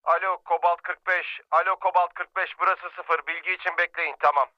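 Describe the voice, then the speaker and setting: An actor playing a steady male army radio operator, speaking over a two-way radio in clipped call procedure. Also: sits high, moderate pace, no room sound. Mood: businesslike. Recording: dull lo-fi radio sound, dry.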